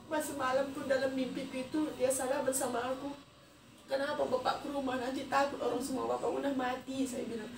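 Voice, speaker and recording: Woman, 30s, personal vlog storyteller, halting and emotional delivery; roomy, off-mic sound. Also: high-pitched, flat delivery. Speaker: vlogger. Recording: echoey distant mic with noisy ambience.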